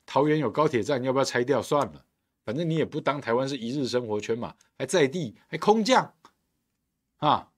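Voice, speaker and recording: A man's voice: medium pitch, expressive, fairly quick. A man hosting a podcast, delivering a combative, sarcastic political commentary monologue. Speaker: podcast host and council candidate.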